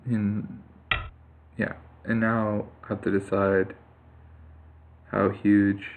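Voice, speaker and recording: A man with a deep, gravelly voice talks through his moves at an unhurried pace. He thinks aloud as he plays, full of fillers and restarts. It sounds like casual live commentary over a screen recording. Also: little pitch movement. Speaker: player commenting live on his own Go game. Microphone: computer mic on a screen capture.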